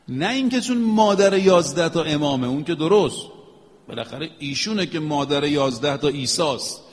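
A man preaching a religious sermon, emphatic and rhythmic, chanting Arabic phrases now and then. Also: on the high side. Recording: long echo of a hall.

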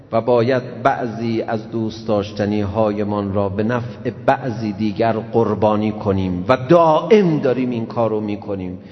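A man giving an emphatic religious lecture, swinging from slow, low asides to loud scolding. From Iran, grew up in Tehran. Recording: dull recording in reverberant hall.

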